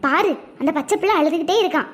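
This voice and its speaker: A shrill, very high grandmother in a cartoon, scolding in a rapid, rushing Tirunelveli Tamil accent, as a woman voices her. She nags hard yet softens quickly, and never slows her quick patter. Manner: scolding, then coaxing. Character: scolding but soft-hearted grandmother. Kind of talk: cartoon voice acting.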